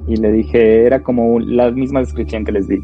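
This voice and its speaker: A man tells a personal ghost story to podcast listeners, slowly and with suspense. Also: medium pitch, steady tone. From Ecuador. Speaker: podcast co-host. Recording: dull lo-fi sound with faint music.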